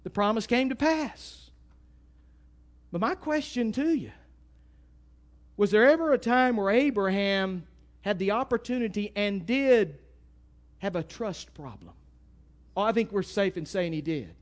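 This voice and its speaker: A man with an East Texas accent preaching a sermon in a folksy, emphatic way, swinging from loud bursts to hushed asides. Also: sits high, animated, measured pace, long pauses.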